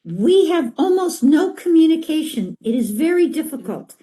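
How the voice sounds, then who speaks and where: An older woman with a mellow, warm voice leads a video meeting over a call. She speaks earnestly and with passion, slowing down on the words that matter. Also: high-pitched, sing-song. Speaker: meeting organizer.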